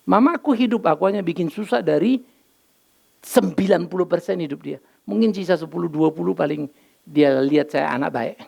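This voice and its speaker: An older man, preaching a sermon as pastor, telling lively stories and acting out dialogue. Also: a little high, moderate pace, gravelly. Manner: lively storytelling, acts out dialogue, mixes in English phrases. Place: church.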